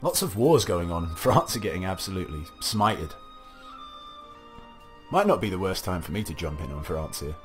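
With soft game music playing faintly, a young let's play commentator muses aloud over a strategy game, very animated at a moderate pace. His low voice has a slight gravel since he's recovering from a cough, picked up on a desk mic.

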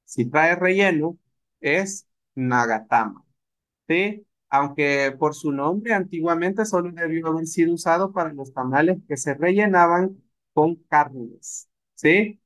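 A man teaching a live language lesson, slowing down to spell out example words. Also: on the high side, fairly bright tone. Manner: explanatory, slows down to spell out words.

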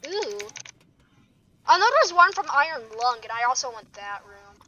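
A young woman talks through her gameplay in a dramatic, gushing way. Her voice is high and bright. The mic sounds dull, with faint noise. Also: moderate pace. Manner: excitable, dramatic, gasping and gushing. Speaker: gaming streamer. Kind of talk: casual gameplay commentary.

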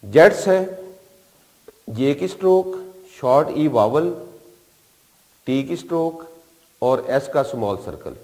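Slow, patient Pakistani man teaching. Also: on the high side, expressive, a little mellow. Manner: patient step-by-step explaining, repeats key terms. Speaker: shorthand teacher. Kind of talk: board lecture. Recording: long reverb in a hall-like room.

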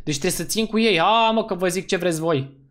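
A man giving let's-play commentary as a gaming YouTuber, excitable and slangy, breaking into loud whoops. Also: high-pitched.

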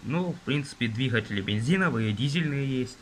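Page by page, a young man casually reviews a car magazine at a table indoors, listing items haltingly with fillers while it rains outside. A phone camera films from above, and the poor audio has a little hiss or hum under his expressive, medium-pitched voice.

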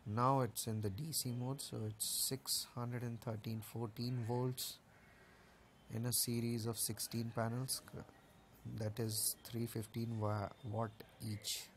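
A man of medium pitch talks slowly and levelly as he tours a rooftop solar array. He explains the parts one at a time, informally and without fuss, with occasional fillers. Some hiss or hum is audible.

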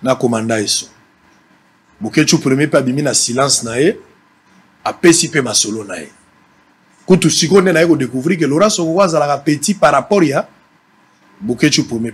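Husky man asking interview questions. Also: mid-range voice. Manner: chatty, lists names quickly. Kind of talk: casual interview.

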